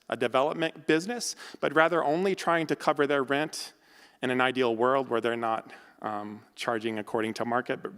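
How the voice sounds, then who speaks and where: Smooth-voiced man lecturing in a reverberant hall. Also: medium pitch, a bit bright. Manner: conversational, self-correcting, many fillers. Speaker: academic researcher giving a talk. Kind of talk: conference talk.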